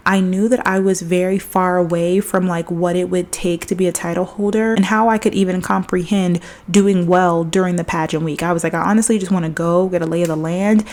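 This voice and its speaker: A young woman hosts her own podcast, telling a personal story in a casual solo format. She sounds chatty and reflective, says "like" a lot, and has a fairly low, darkish voice.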